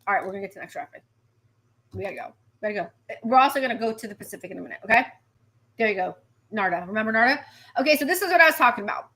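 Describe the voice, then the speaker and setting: A woman meteorologist giving a live weather stream, animated and chatty, repeating herself and reacting to viewer comments. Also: mid-range voice, very fast.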